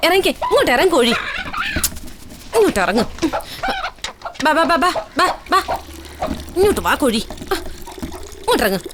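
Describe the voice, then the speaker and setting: A woman's voice: high-pitched, big pitch swings, moderate pace, pauses often, noisy background. An actress playing a bossy but caring middle-aged housewife who scolds her husband and grumbles in a serial drama. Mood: grumbling. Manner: scolding, grumbling, then tender. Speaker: Annamma, a housewife caring for a sick young mother.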